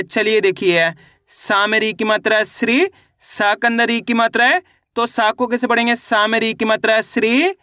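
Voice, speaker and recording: A man teaching children to read, spelling out each syllable slowly and then blending it into the whole word. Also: sits high, bright, forceful tone, dry recording, clean studio sound. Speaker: Hindi reading teacher. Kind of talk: slow syllable-by-syllable reading lesson.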